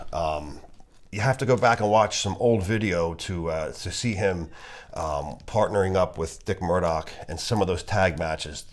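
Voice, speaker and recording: A man with a broken nose and slightly off breathing gives unscripted, halting commentary as he presents a collection of magazines. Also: deep voice.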